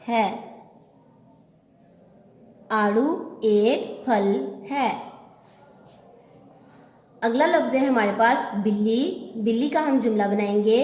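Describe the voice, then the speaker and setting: A woman teacher with a Pakistani Urdu accent, slowly dictating a lesson to children and spelling out each word letter by letter. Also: a little high, a little mellow, slight background noise. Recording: echoey room with long reverb.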